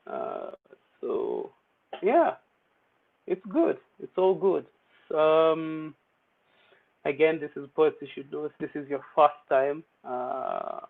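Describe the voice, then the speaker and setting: Tinny, phone-like audio carries a young man's somewhat high, creaky voice. He's casually hosting a livestreamed poetry open mic, keeping it chatty and playful while mixing English with Swahili slang.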